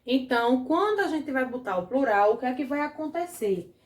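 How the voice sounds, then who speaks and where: A Brazilian Portuguese primary school teacher gives children an online grammar lesson, patiently explaining step by step and slowly, repeatedly checking in with "certo?". Her voice is high with lively intonation, and the sound is reverberant.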